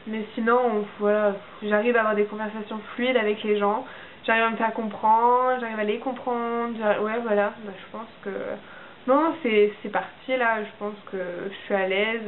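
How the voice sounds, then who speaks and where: A young woman from France talks through her monthly update in a casual, halting way, full of fillers and restarts. Her voice sits fairly high. The sound is thin and phone-like, with a faint hiss underneath. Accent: French. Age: young adult. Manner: hesitant, many fillers and restarts. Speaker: au pair.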